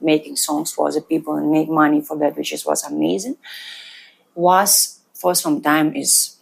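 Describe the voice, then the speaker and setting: A woman from Ukraine with a Ukrainian accent, speaking animated, broken English as a guest in a studio interview. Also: low voice, normal speed, creaky, slightly rough. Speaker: guest musician and DJ. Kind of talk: casual interview.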